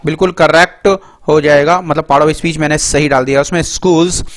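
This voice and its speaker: A man teaching English grammar in a casual lesson, often checking in with his listeners and reading example sentences slowly aloud. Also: a little high, fairly even intonation, fairly bright tone. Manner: repeats "ठीक है" and "दोस्तों", reads English sentences slowly aloud.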